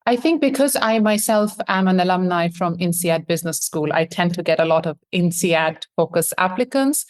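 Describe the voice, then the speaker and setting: A woman's voice: fairly low pitch, animated, normal speed. A woman in her thirties from Pakistan, an admissions consultant answering interview questions in a friendly, reflective way.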